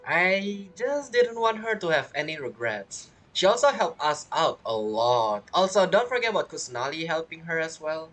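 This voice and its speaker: This gamer has a low, slightly bright voice with lively intonation, talking at normal speed with few pauses. She plays and comments casually and playfully, teasing the game's dialogue while faint music runs behind her.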